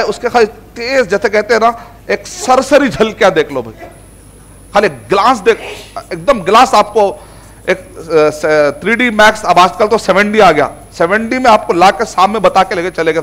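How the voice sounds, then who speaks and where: A man teaching a religious lesson in an explanatory way. His voice sits fairly high for a man. He slips English words and recited Arabic verses into his explanations. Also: fairly bright tone. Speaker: Islamic scholar teaching Quran. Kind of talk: religious lecture.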